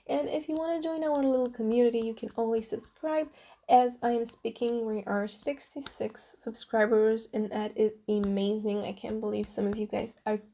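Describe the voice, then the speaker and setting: A woman's voice: a little high, gravelly, warm tone. Chatty young woman reading tarot cards. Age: young adult. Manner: chatty, earnest, addresses viewers directly. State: losing her voice. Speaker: tarot reader. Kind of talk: casual tarot reading vlog.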